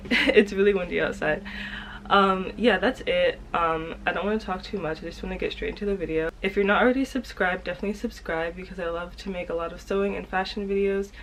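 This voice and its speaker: A young woman with a slightly nasal, stuffed-up voice from a cold, talking in a casual, halting, informal vlog style. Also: fairly low pitch, background noise. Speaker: sewing vlogger.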